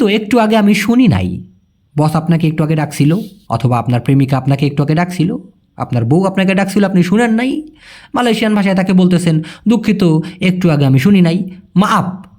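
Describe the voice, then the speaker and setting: A man with a Bangladeshi Bengali accent teaching vocabulary in a chatty spoken lesson. He repeats words slowly and keeps addressing the listener as brother. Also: high voice, darkish tone. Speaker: language teacher.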